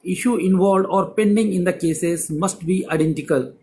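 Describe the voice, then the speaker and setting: Higher-pitched guy teaching law, leans hard on key words, repeats them for emphasis. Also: moderate pace, warm tone, low-quality recording. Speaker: advocate teaching civil procedure. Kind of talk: law lecture.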